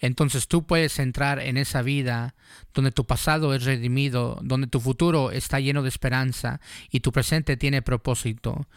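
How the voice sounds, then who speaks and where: A man's voice: medium pitch, steady tone, normal speed, clean tone, dry recording, clean studio sound. A man preaching, telling his own testimony and then making an earnest, urgent altar call to the listener.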